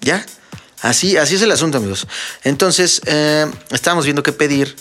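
A man's voice: fairly high pitch, moderate pace, fairly bright tone, soft background music. A young man with a Mexican Spanish accent hosting a casual solo podcast, telling funny stories and talking straight to his listeners. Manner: joking, storytelling, addresses listeners as friends. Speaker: podcast host and DJ.

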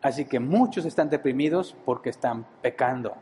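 A man's voice: mid-range voice, normal speed, dark tone, poor audio. A man preaching a sermon-style teaching, often asking his listeners rhetorical questions.

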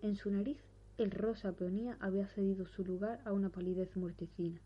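A woman with a breathy voice reading a horror story in a measured, solemn way. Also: mid-range voice, fairly even intonation. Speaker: narrator. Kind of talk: scripted narration of a horror story. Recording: dull recording with faint music.

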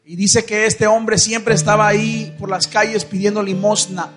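A man's voice: sits high, little pitch movement, normal speed, music in the background. A man with a Mexican accent telling a Bible story at a church concert, asking the crowd questions and acting out voices. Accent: Mexican Spanish. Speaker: worship band singer preaching between songs.

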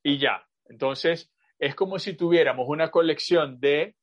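Male teacher on a video call, a bit high-pitched, muffled sound, repeats himself patiently to guide students. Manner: explains patiently with examples and asides; drawn-out, repetitive phrasing with many fillers. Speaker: language teacher. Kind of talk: teaching an online class.

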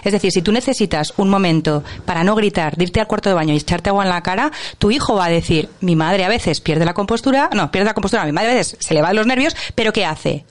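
A woman's voice: medium pitch, quick pace. A woman, an author and workshop leader, explaining parenting ideas emphatically in a conversation. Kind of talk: interview conversation.

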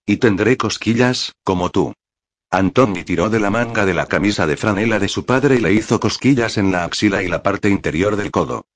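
A man narrating a novel as an audiobook, reading in a calm, measured way on a close mic. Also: lowish voice. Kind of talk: scripted narration.

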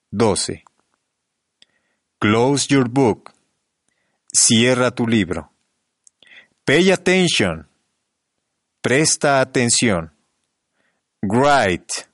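A man reading classroom phrases in pairs for a language lesson, each said slowly and deliberately. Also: medium pitch, dry recording, studio quality. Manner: slow, deliberate, evenly paced delivery. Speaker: language teacher. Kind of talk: reading bilingual phrase drills.

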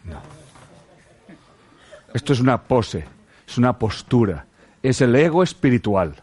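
Animated Spanish man giving a spiritual talk. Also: mid-range voice, a little slow, crowd noise. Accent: Spain. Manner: animated, rhetorical questions, earthy slang, calls listeners sweethearts. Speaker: spiritual teacher. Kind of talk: casual spiritual talk to a group.

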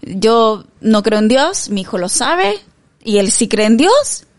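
A woman's voice: a little high, sing-song, slow. A woman in her thirties with a Chilean accent, co-hosting a podcast, telling stories about her son in a chatty, hesitant way. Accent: Chilean Spanish. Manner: storytelling, hesitant with fillers, mixes in English exclamations. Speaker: podcast co-host. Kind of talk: casual chat about a film.

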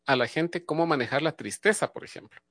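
A woman's voice: low-pitched, expressive, brisk, fairly bright tone. A woman hosting a talk show, thanking callers and summing up her guest's points. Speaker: host.

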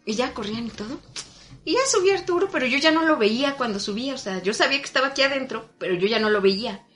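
Lively Mexican woman telling a story. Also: fairly high pitch, fast talker, faint music behind. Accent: Mexican Spanish. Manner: animated storyteller, acts out quotes, laughs often. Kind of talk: casual chat, telling a dream.

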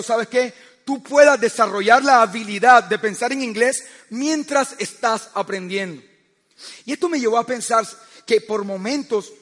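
High-voiced male preacher in a reverberant hall. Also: a bit bright. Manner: storytelling, often asks the listeners "¿sabes qué?"; frequent stammered restarts. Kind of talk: sermon.

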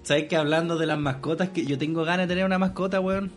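A man's voice: a little high, fairly even intonation, fast, soft background music. A young Chilean man co-hosting a podcast, chatting casually in crude slang and laughing often. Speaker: podcast co-host. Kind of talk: casual chat.

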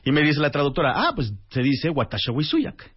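A man, a radio guest telling a lively anecdote and acting out the dialogue. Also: fairly high pitch, fairly quick, slightly rough. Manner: animated storyteller acting out dialogue. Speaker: radio guest, author and translator. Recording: dull lo-fi radio audio.

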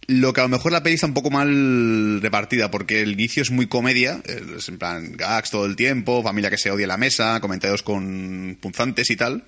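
An excitable man rattles through a film review on a casual podcast. He talks very fast in a bright, forward tone and laughs and swears freely. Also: lowish voice. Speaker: podcast co-host.

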